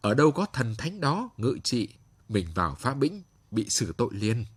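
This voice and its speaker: Man doing a young woman dancer, weary, blunt, husky, lively pitch, storybook. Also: normal speed, no echo. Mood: weary frank.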